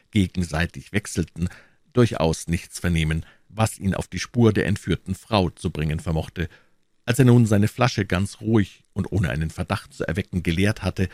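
A man narrating an audiobook in a measured, expressive reading. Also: low voice, dry recording, clean studio sound.

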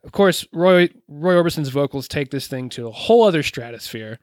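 A man's voice: fairly high pitch, animated, fairly quick, darkish tone, dry recording, clean studio sound. A man co-hosting a music podcast in casual chat, talking with enthusiasm in long, rambling thoughts. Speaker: podcast co-host.

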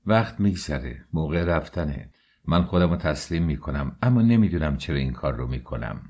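A man's voice: very deep voice, expressive, a little mellow, husky, exaggerated voice. A man voicing a proud, tormented young man who argues heatedly and bitterly. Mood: resigned.

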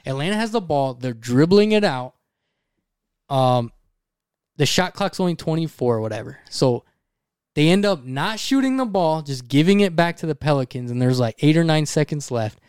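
Young male podcast co-host, slightly high voice, animated storyteller, salty language, dry close sound. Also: moderate pace, clear, resonant tone, no room sound. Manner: animated, swears freely, acts out voices in his story.

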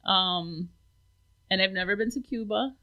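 Her voice medium in pitch and unhurried, a US-born woman in her forties chats casually as an interview guest. She's reflective and leans often on fillers like um, and the audio is dull.

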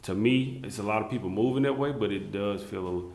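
A man's voice: on the low side, a little fast, darkish tone, roomy sound, slight background noise. A man from South Carolina hosting a casual interview, rambling with many fillers and restarts. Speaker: interview host.

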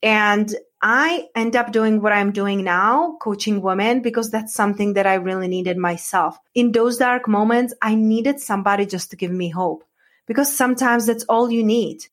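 A woman's voice: medium pitch, normal speed. A woman from the Czech Republic with a Czech accent, a coach telling her story as a podcast guest, earnest and heartfelt. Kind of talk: podcast interview.

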